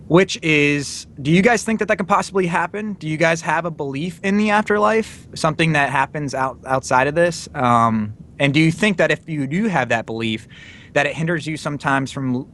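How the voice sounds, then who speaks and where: A man chatting informally as a panelist on an online show, in a conversational style over a group call. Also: fairly bright tone. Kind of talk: casual discussion. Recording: noisy, low background rumble.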